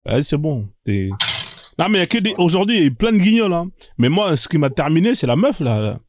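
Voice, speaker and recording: A man hosting a live stream, chatting casually and laughing loudly as he mimics the people he quotes. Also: a little high, very animated, fast talker, slight background noise. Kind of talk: casual chat.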